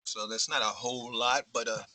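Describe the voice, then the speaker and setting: A man's voice: medium pitch, fairly even intonation, brisk, pushed and bright, dry recording, poor audio. A man on a video call, talking hesitantly with many fillers while eating lunch. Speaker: developer at a clerk's office. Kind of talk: casual chat.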